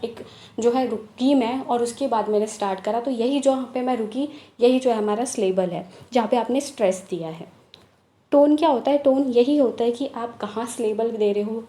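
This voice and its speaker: Woman teaching from her notes, explains in hindi, reads english terms slow, kinda high mellow voice. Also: roomy sound. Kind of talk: study lesson explaining from notes.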